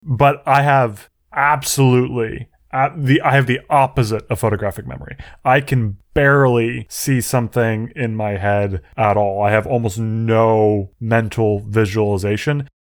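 A man's voice: lowish voice, fairly even intonation, moderate pace, hardly any pauses. A man co-hosting a podcast in casual chat, enthusiastic and often repeating words as he goes. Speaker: podcast co-host.

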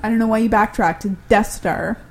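A woman's voice: mid-range voice, brisk. A young woman co-hosting a podcast, chatting casually and enthusiastically, swearing freely. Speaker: podcast co-host.

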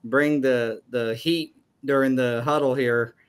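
A man's voice: medium pitch, fairly even intonation, slow pace, clear, resonant tone. A man hosting a trade podcast, talking loosely with fillers and restarts as he sums up the discussion. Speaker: podcast host. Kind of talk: casual panel discussion.

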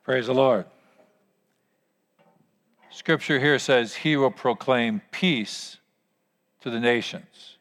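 A man's voice: mid-range voice, fairly bright tone. Earnest male pastor preaching in a reverberant hall. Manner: earnest, emphatic phrasing with pauses. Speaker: pastor leading a church service. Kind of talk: sermon. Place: large church hall.

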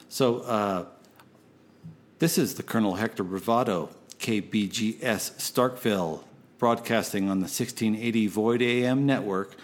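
A man with a lowish voice hosts a late-night radio show. He rambles between records in a folksy, theatrical style and swears freely on air.

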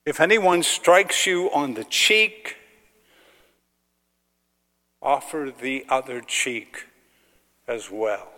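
A man, a clergyman, solemnly proclaiming scripture in deliberate short phrases, in a cathedral-like echo. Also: mid-range voice, very animated, pushed and bright. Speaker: clergyman reading the Gospel. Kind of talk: solemn liturgical Gospel proclamation. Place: large reverberant church. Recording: cathedral-like echo, long reverb.

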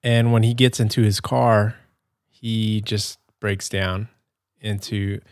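A man hosting a podcast, talking casually and hesitantly while playing a game, with many pauses and restarts. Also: lowish voice, flat delivery, no echo, studio quality. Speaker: podcast host. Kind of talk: casual gameplay commentary.

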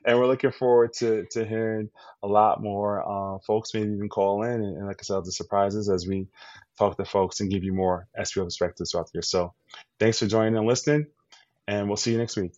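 This East Coast American man co-hosts a podcast, rambling eagerly through casual chat full of fillers and false starts. Fairly low and a little mellow, his voice is fairly quick with fairly even intonation, and the recording is dull, lo-fi, dry, and free of echo.

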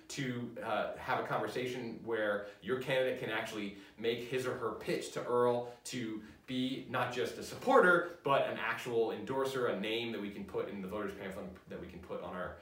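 A man's voice: medium pitch, a little fast, few pauses, fairly bright tone. A man giving a conversational university lecture, with many fillers and restarts, recorded in a classroom. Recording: roomy echo, mic at a distance.

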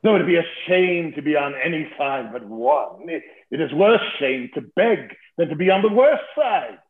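A man's voice: fairly high pitch, lively intonation, normal speed, close to an everyday voice. A man playing a boastful, witty old knight, mocking and savoring his insults in a theatrical play reading. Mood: blustering. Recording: tinny phone-like sound in an echoey room.

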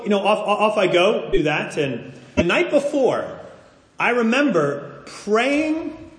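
Animated high-voiced preacher in a hall. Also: male voice. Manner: animated self-deprecating storytelling. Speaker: pastor. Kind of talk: sermon. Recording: roomy hall reverb.

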